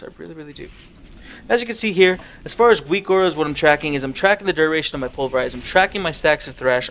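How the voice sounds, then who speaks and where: A man's voice: on the high side, fairly bright tone. A young man giving casual, sarcastic commentary over his own gameplay, swearing freely as he explains what he is doing. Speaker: game streamer.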